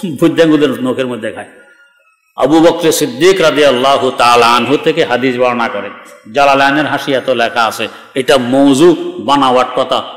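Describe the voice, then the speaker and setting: Bangladeshi preacher guy, mid-pitched voice, argues hard and mocks, big echoey hall. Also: fairly bright tone. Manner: emphatic, argumentative, mocking. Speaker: Islamic preacher. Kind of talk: sermon.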